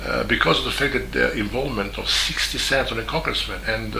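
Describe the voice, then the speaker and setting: A man from Serbia with a Serbian accent, a journalist giving a spoken statement in halting English full of fillers and restarts. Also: mid-range voice, creaky, pushed and bright, slight background noise. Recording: echoey room with faint ambience.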